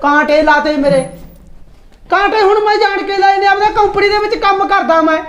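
Woman playing a bragging village husband. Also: very high voice. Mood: irritated. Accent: Indian Punjabi. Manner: bragging, bickering, rapid comebacks. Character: boastful scheming village husband, middle-aged man. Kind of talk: comedy skit acting.

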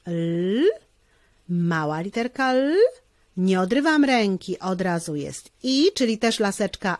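A woman teacher who guides children through a handwriting lesson step by step, talking slowly and often pausing with fillers. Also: mid-range voice, dry recording. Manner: slow, step-by-step instruction with frequent hesitation fillers.

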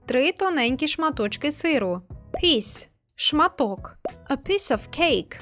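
A woman teaching English vocabulary, reading each word and phrase slowly and clearly, then giving its translation. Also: high-pitched, big pitch swings, fairly bright tone, faint music behind. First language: Ukrainian. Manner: slow, clear, measured word-by-word delivery.

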